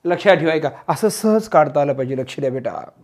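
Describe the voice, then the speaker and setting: Male teacher, chemistry lecture, loud drilling, sing-song chanting, coaxing tone. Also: a little high, expressive, fairly quick. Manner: drills students loudly, calls them "child", chants names in sing-song.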